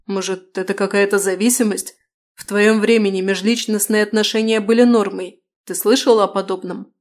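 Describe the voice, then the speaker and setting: A woman's voice: medium pitch, fairly even intonation, normal speed, close to an everyday voice. A woman reading the lines of an anxious, normally composed male doctor in his late thirties, speaking in an agitated, pleading way. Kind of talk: audiobook dialogue reading.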